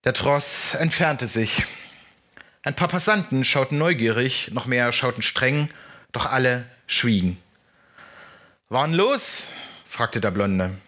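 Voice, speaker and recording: Male audiobook narrator, first-person storytelling, measured delivery, bright timbre. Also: medium pitch.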